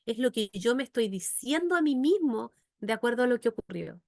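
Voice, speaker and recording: A woman with a high, bright-toned voice delivers a faith-based teaching talk as a psychologist and educator. She speaks earnestly, turning to her listeners again and again with rhetorical questions. The recording is close and dry, with no room sound. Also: very animated, brisk, creaky, no room sound.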